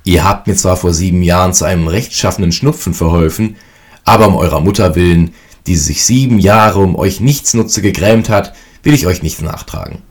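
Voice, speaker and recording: A man's voice: deep voice, moderate pace, natural voice. A man playing a stern old official. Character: stern but kindly old male official.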